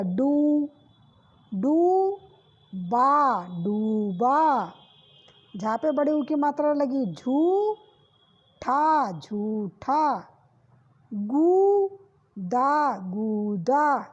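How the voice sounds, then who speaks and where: Woman teacher doing a kids' lesson, slow and drawn out, says each word twice, kinda dull lo-fi sound. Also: sits high, warm tone. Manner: asks questions and answers them herself. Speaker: kindergarten Hindi teacher. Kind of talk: classroom lesson for small children.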